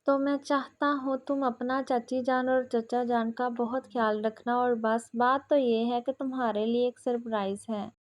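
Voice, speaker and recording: A woman's voice: on the high side, flat delivery, few pauses, lightly acted. A woman reading as a teasing young husband. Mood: warm.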